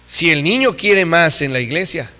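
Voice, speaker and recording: Man preaching, high bright voice, emphatic, acts out quoted voices, long church reverb. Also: expressive, moderate pace. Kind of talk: sermon.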